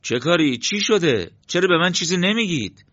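A man's voice: medium pitch, sing-song, fairly bright tone, no room sound, muffled recording, voice pushed up. A man voicing a young man who keeps pressing anxious questions in a storybook reading. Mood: demanding. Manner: pleading, demanding questions.

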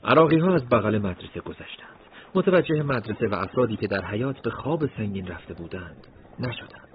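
A man's voice: fairly low pitch, lively intonation. A man narrating a war story in a scripted, dramatic reading style, voicing dialogue along the way. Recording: dull lo-fi recording, faint noise.

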